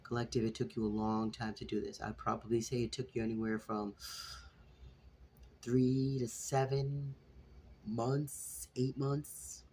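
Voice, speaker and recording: A man gives a freestyle tarot reading for his viewers in a medium-pitched, darkish voice with little pitch movement and a measured pace, over a slight hiss or hum. He talks casually, restarting and repeating himself, swears a bit, and calls his listeners "sweetheart" and "collective".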